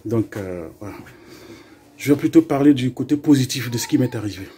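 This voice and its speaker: Middle-aged man from Côte d'Ivoire, dark husky voice, animated anecdote teller. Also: mid-range voice, brisk. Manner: lively storyteller acting out dialogue, with hesitations. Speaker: vlogger telling a personal story. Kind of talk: casual spoken anecdote.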